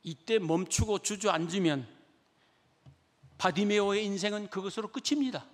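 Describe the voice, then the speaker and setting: A male pastor delivers a dramatic sermon with an unusually high voice, dropping low and then climbing to loud, fervent peaks. A long reverb from the church sanctuary follows every phrase. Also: normal speed. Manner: dramatic preaching, swinging between soft and loud.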